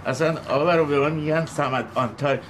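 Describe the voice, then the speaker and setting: A man's voice: fairly high pitch, noisy background, close to an everyday voice. A man playing an eager, apologetic new driver. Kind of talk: TV series acting.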